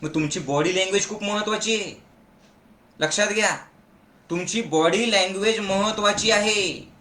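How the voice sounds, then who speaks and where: Guy giving a pump-up motivational talk, sharp bright voice, keeps yelling at folks to answer, roomy echo. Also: high voice, measured pace. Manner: forceful, exhorting, urges listeners to shout back; mixes Marathi with Hindi and English phrases. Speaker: motivational meditation camp leader. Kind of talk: motivational speech to an audience. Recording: echoey room.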